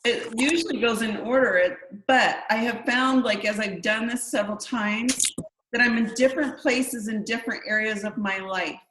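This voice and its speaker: A woman coaching a group over a video call, explaining in a relaxed way with hesitant restarts. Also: fairly high pitch, moderate pace, reverberant, background noise.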